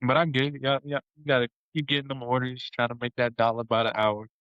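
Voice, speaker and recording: A young man co-hosting a casual podcast, telling animated stories and giving playful shout-outs. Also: medium pitch, fast, smooth, no echo, highs cut off. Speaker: podcast co-host.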